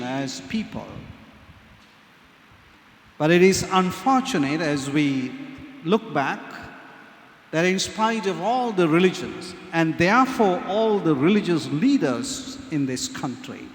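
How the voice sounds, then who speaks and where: A man with a Sri Lankan accent preaching as a priest at Mass, speaking in a measured, solemn way with deliberate pauses, with cathedral-like echo. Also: on the high side. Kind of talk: Gospel reading and homily at Mass. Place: large reverberant church. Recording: echoey church with long cathedral-like reverb.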